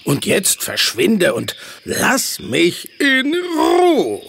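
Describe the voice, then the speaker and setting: A woman's voice: medium pitch, wildly swooping pitch, extremely slow, gravelly, a bit bright, breathy edge, pitched above the performer's own voice, exaggerated voice. A woman voicing a sleepy, grumpy tigress in a children's story, growling and irritable. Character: sleepy grumpy female tiger. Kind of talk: storybook reading.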